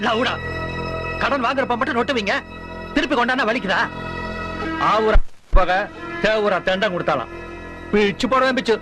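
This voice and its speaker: A man's voice: fairly high pitch, animated, moderate pace, pauses often, natural voice. An actor playing a pushy, greedy village moneylender who threatens and insists on getting his debt back. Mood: angry. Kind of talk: film comedy acting. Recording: film soundtrack with music.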